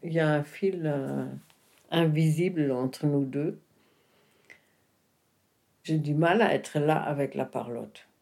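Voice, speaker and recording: The filmmaker's mother, being interviewed, speaks slowly in a deep, darkish voice with vocal fry and frequent pauses. French is not her first language, and in this intimate conversation she searches for words and often restarts.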